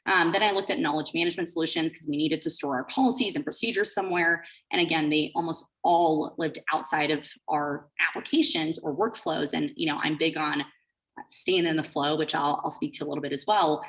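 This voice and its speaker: A woman co-founder of a startup, from Switzerland and the Bahamas, gives a guest-speaker presentation in a loose, explanatory way, dropping "like" and "you know" all the time. Her voice sits low and a bit bright, and the audio quality is poor.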